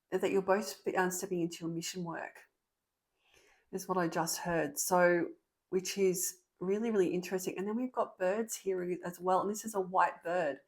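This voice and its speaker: Earnest, excitable woman giving a tarot reading. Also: lowish voice. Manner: earnest and excitable, with frequent ums and restarts. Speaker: tarot reader. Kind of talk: tarot reading for an online audience.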